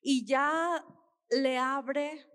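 Woman preacher, high-pitched, deliberate pace, sincere testimony that keeps calling out to the brothers. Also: steady tone, fairly bright tone. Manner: earnest storytelling, repeatedly addressing listeners as brothers. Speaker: missionary dentist. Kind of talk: testimony sermon to a congregation.

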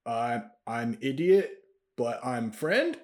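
A man voicing a huge, slow-witted male brute who talks in broken, simple English, loud and menacing. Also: medium pitch, animated, voice pushed down. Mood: slow demanding.

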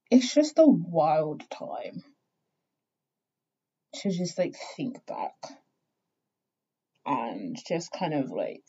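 Husky, mellow young woman rambling slowly. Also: lowish voice. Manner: rambling, filler-heavy, swears freely. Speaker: vlogger. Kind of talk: casual rambling fan talk. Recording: dull lo-fi recording.

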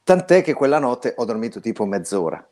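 Radio guest on a remote line, a man from northern Italy, lively and prone to restarts. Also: mid-range voice, fairly quick. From Belluno, northern Italy. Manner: lively, restarts words often. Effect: remote caller's voice over an internet line. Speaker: guest calling in to a radio show. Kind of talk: casual chat, telling a story.

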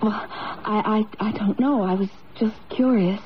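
A woman's voice: medium pitch, unhurried, lightly acted. An actress playing a curious, easily rattled married woman in a radio drama, earnest and hesitant, given to rambling. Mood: hesitant, nervous. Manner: rambling storytelling, earnest, hesitant when pressed. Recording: dull, noisy lo-fi radio recording.

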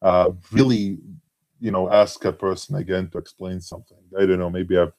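Being interviewed casually as a forum member, a Latvian man with a Latvian accent speaks at normal speed in a low, slightly mellow voice with flat delivery. He sounds hesitant, often restarting and using fillers.

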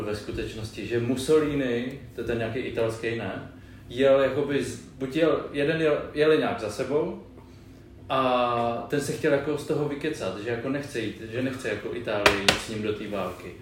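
A man's voice: mid-range voice, recorded from a distance. A young man rambles through a casual podcast chat, slangy and full of restarts. His voice sits back from the mic in a very echoey room. Faint noise hangs behind him. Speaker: podcast co-host.

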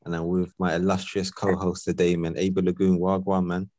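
A man's voice: sits low, level tone, brisk, a little mellow. A man with an urban London street accent hosting a podcast in casual, slang-heavy roadman talk. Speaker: podcast host.

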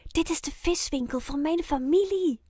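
A bubbly young boy who is always eager to run, voiced by a woman reader talks in a high, bright voice that bounces with excitement. This storybook character is recorded dry and close. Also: moderate pace, no room sound, lightly acted. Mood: secretive. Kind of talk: children's audiobook character voice.

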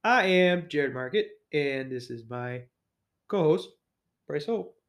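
A man's voice: a little high, animated, slow, fairly bright tone. A man hosting a casual sports podcast from a cold home garage, with dry, joking remarks. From Canada. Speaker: podcast host.

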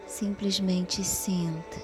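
Slow, soothing woman leading meditation. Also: lowish voice, little pitch movement. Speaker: guided meditation leader. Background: soft music.

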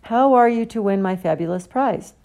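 A woman's voice: sits low, lively intonation, moderate pace, creaky, warm tone. A woman voicing a genial, pompous older male potions teacher who talks theatrically.

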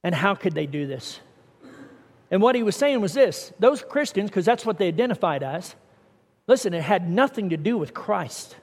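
A middle-aged man preaches a sermon to his congregation, earnest and conversational, building to emphatic points. His voice sits high for a man. The sound carries a long, hall-like reverb. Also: expressive, normal speed. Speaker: pastor.

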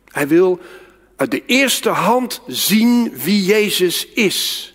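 A man preaching a sermon, telling a story with many rhetorical questions, sometimes loud and sometimes hushed. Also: sits high, lively intonation, extremely slow. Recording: long hall reverb.

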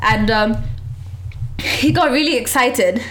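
A woman's voice: fairly high pitch, slow pace, a bit bright. Chatty young woman telling a story. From Uganda. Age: young adult. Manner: chatty, frequent "like" and "you know". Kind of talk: casual chat, storytelling.

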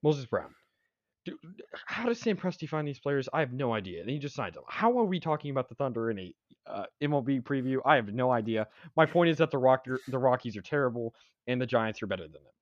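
Fast-talking with big pitch swings at a medium pitch, this young sports podcast co-host rambles through a casual chat, restarting sentences and forcefully pressing his views. The recording sounds dry, dull, and slightly muffled, lo-fi in quality.

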